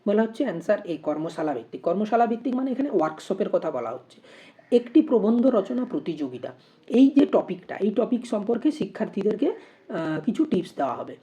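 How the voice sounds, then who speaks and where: A woman's voice: mid-range voice, big pitch swings, fairly quick, dark tone, lo-fi sound. A woman teacher going through exam practice questions step by step, often asking herself "why?" before she explains. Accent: Bengali. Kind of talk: exam-prep lesson.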